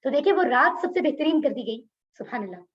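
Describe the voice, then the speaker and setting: High-voiced woman teaching over a call. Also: animated, fast talker, muffled recording. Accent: Pakistani Urdu. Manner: explains word by word, repeats meanings, asks students questions. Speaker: Quran course teacher. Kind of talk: online class lecture. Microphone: video call.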